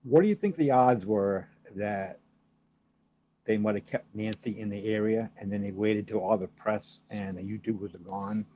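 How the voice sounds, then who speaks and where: A man's voice: fairly low pitch, normal speed, warm tone. Boston man calling in, dull lo-fi line. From Massachusetts, USA. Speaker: phone-in caller. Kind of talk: casual call-in storytelling. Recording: dull lo-fi call audio.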